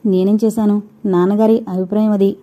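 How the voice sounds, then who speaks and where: A woman voicing a patient young wife who speaks softly and pleads. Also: medium pitch, little pitch movement, a little fast, lightly acted. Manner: soft, pleading.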